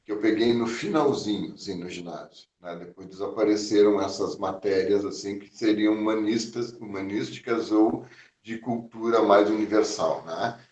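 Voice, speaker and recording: A man in his sixties from southern Brazil, a physician calmly recounting his life in an oral history interview, with many small fillers. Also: fairly low pitch, roomy sound, distant mic. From Porto Alegre, southern Brazil. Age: 60s. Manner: measured, reflective, frequent "né?" and "eh" fillers.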